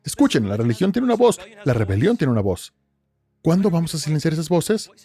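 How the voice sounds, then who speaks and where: A man's voice: a little high, wildly swooping pitch, brisk, warm tone, breathy edge, faint music behind. A man preaching a sermon as pastor, emphatic, with rhetorical questions and repetition.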